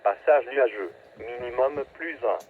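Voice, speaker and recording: Amid crowd noise, a mid-range synthetic male voice reads scripted weather forecasts at a measured pace in clipped, impersonal phrases. The sound is a narrowband, staticky weather radio broadcast with a transmission effect.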